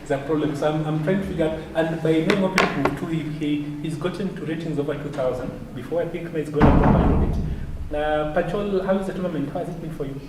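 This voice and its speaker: A man's voice: on the high side, fast talker, hardly any pauses. A man hosting a chess tournament broadcast, chatting casually with many fillers and restarts as he interviews players. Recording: echoey hall, distant mic, background noise.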